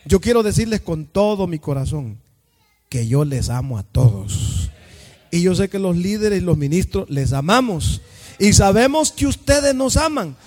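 A male pastor preaching an evangelical sermon, joking in quiet asides and breaking into sung, shouted praise. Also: high voice, sing-song, measured pace. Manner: jokey preaching that swings between intimate asides and sung shouts. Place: church. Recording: echoey church hall.

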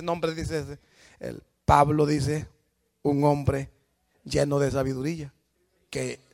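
High, gravelly preaching pastor. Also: male voice. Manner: swings between shouted praise and low, chatty asides to the congregation. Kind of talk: Pentecostal-style sermon.

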